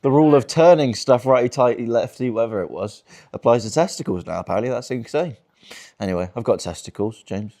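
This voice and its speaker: Performing stand-up in a virtual-reality show, a man in his twenties teases the crowd crudely and laughs a lot. He speaks fast in a mellow, expressive, mid-range voice.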